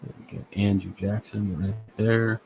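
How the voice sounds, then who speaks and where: A man selling coins on a live sale stream, talking haltingly with many fillers. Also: on the low side, flat delivery, creaky, dull audio, slight background noise. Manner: halting, many ums and uhs.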